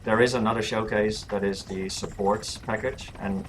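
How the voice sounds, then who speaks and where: A man with a Dutch accent talks through game features in an easy, rambling way, his voice sitting a little low. A steady hum of room noise runs under the recording. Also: moderate pace. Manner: relaxed, explains features with filler words. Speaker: game developer on a livestream. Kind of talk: casual chat. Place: studio office.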